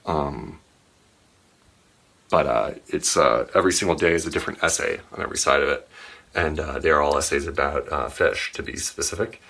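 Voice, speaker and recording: A man in his forties giving a rambling late-night tour of his game and art room in a low, sleepy voice, with many ums and uhs. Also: moderate pace, creaky, fairly bright tone. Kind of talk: rambling home tour narration.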